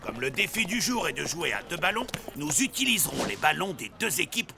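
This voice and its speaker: A man voicing an energetic, brisk street football announcer in an animated series. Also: on the high side, creaky, noisy background. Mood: brisk, commanding. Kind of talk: French animated series dubbing. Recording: loud music behind the voice.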